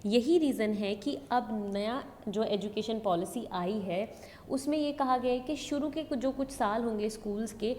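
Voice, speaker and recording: Speaking at a moderate pace in a darkish, high-leaning voice, a woman with a North Indian accent lectures to explain her subject. English terms pepper her speech, and she repeats central points in new phrasing; the room echoes and background noise is present.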